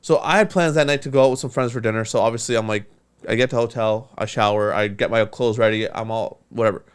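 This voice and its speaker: A man telling a story in casual podcast chat, animated and profane, acting out the voices of the people in it. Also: lowish voice, fast, smooth. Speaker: podcast co-host.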